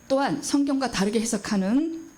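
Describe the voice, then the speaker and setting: A middle-aged woman preaching a sermon in a fairly high voice. She is emphatic and keeps putting questions to her listeners. She also acts out the voices she quotes. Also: darkish tone, a little hiss or hum. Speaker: pastor.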